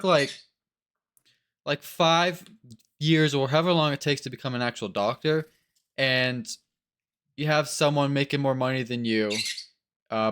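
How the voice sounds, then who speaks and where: A young man at an ordinary middle pitch chats casually as co-host. He gets animated and fills his talk with "like" while cracking crude jokes. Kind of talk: casual chat.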